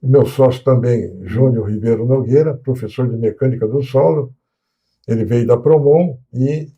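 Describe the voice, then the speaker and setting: Speaking unhurriedly as an interview guest, a Brazilian civil engineer in his sixties reflects on his career in a relaxed conversation, repeatedly pausing and beginning sentences again. He has a São Paulo coast accent and a mellow mid-range voice, captured in dull-sounding audio.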